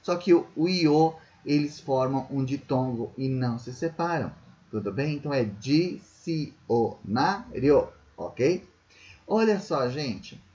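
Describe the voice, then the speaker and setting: A man's voice: a little high, highs cut off. A man teaching primary school children, patiently explaining a workbook exercise with a Brazilian Portuguese accent, often checking in with tag questions.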